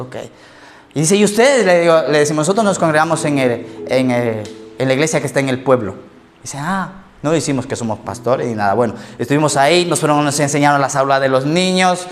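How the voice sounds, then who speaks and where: A man's voice: medium pitch, fairly quick, faint music behind. A man preaching a sermon as pastor of a church, telling stories about himself with humor. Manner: storytelling with self-mocking anecdotes and laughter. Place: church service.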